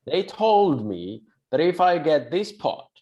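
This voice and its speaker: A man's voice: on the high side, very animated, mellow, muffled recording. A man playing an earnest time traveler. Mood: puzzled. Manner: halting, earnest, easily hurt. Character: man from the future, confused and earnest. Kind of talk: improv comedy scene.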